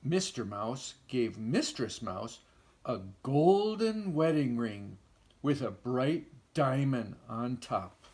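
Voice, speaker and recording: An older man with a grandpa voice reads a children's picture book aloud, explaining gently as if to a small child. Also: medium pitch, expressive, takes it slowly. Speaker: storyteller grandfather reading aloud.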